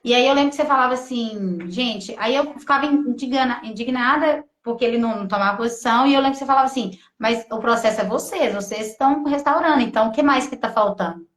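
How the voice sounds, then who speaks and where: A woman from gives an emotional personal testimony, halting and full of restarts as she quotes her own thoughts. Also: fairly high pitch. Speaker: testimony guest. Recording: echoey room.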